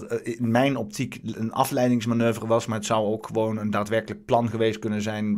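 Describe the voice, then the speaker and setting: A man hosting his own stream, giving casual, rambling commentary on the news, full of fillers and restarts. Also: fairly low pitch. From Netherlands. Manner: halting, many fillers and restarts.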